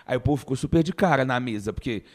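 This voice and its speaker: A man with a Brazilian Portuguese accent talks fast in a casual chat. His voice sits at an ordinary middle pitch. He tells his stories in an animated way and acts out the people he quotes.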